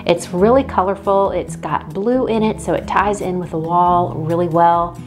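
Woman, home tour voice-over, homey and unhurried, soft music underneath. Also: lowish voice. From Texas. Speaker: home vlogger. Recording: faint background music.

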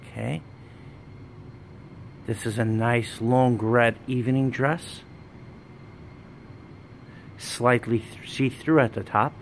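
A man walks a warehouse with his phone, pitching his stock in a plain, steady way and naming items one after another. His voice sits at an ordinary middle pitch. A faint background hum runs under the recording. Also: slow pace, creaky, pauses often. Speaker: wholesale business owner. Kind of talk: walkthrough sales pitch. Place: indoor warehouse with dress racks. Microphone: handheld phone camera, speaker off screen.

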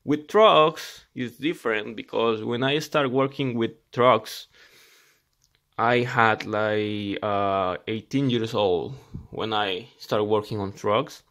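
A man's voice: lowish voice, a bit bright. A man in his thirties from El Salvador with a Salvadoran Spanish accent, a mechanic talking earnestly to his channel's viewers in simple phrases with frequent restarts. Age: 30s. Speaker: mechanic YouTuber. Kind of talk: casual talk to camera. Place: indoors at a laptop.

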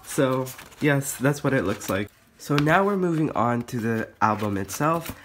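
A young man vlogging an unboxing in a casual chat, gushing and excitable, often squealing. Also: medium pitch, measured pace, a little hiss or hum.

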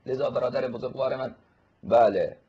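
A male cleric giving a forceful, polemical religious lecture, answering a questioner and quoting Arabic scripture. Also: mid-range voice, husky, muffled recording.

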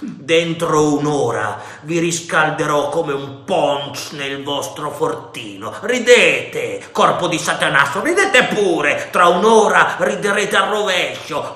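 A raging old one-legged pirate captain, as a man reads him out, snarling and shouting threats. The voice climbs high and rings bright. It sounds from a roomy space. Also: animated, slow, heavily acted. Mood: raging mocking.

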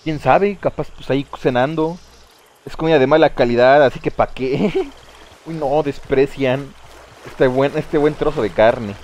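A young Mexican man giving casual, excitable live commentary while playing a game. He swears freely and talks to his viewers. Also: mid-range voice, a little slow, a little hiss or hum. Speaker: streamer.

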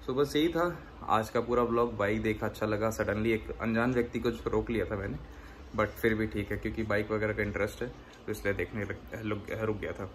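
A man's voice: on the low side, steady tone, fairly quick. A young man chatting casually as he vlogs while running errands, joking with shopkeepers. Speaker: vlogger. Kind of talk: casual vlog narration. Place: shops and roadside, outdoors and in a store. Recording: noisy street and store.

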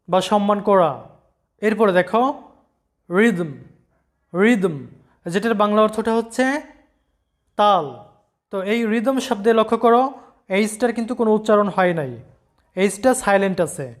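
An English pronunciation teacher who gives a recorded lesson, patiently repeating each word and speaking directly to learners. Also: medium pitch. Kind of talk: recorded lesson explaining vocabulary.

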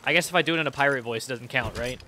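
A young man streaming a video game, excitably talking to himself as he plays. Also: mid-range voice, very fast, a little hiss or hum. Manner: excitable, talks to himself while playing. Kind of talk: live gameplay commentary.

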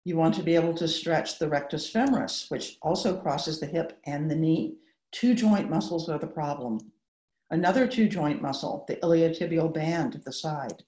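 A middle-aged woman, a sports medicine doctor, giving a measured, explanatory webinar lecture over a video call. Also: deep voice, darkish tone. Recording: roomy echo.

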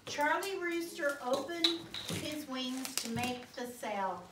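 A middle-aged woman visits a school classroom as guest storyteller, reading a picture book to the children, expressively drawing out words and checking in with questions. Her voice sits high, slow-paced with lively intonation. A phone or camera across the room records it, so the sound is roomy, distant, and noisy with the class.

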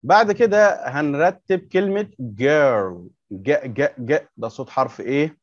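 Speaking slowly and expressively in a medium pitch, a man with an Egyptian Arabic accent teaches young kids English vocabulary from a workbook step by step. He repeats words patiently and poses questions; the recording has no room sound and its highs are cut off.

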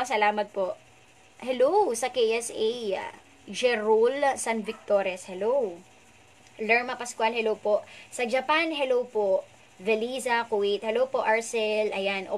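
A young woman hosts a casual live stream from home, chatting playfully and reading out viewers' names and greetings. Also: fairly high pitch. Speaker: radio host doing a live stream.

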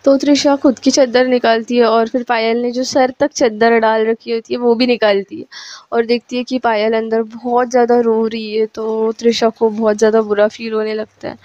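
A woman's voice: a little high, level tone, normal speed, a little mellow, dry recording, highs cut off. A woman telling a romantic story in a chatty, casual narration, dropping in English words.

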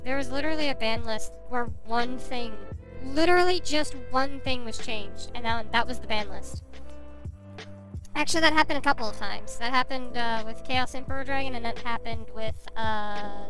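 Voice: medium pitch, moderate pace, low-quality recording. A streamer talking through a voice changer in a casual, rambling chat with listeners, answering their messages. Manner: chatty, rambling, with filler words. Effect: voice changer on the mic. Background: music.

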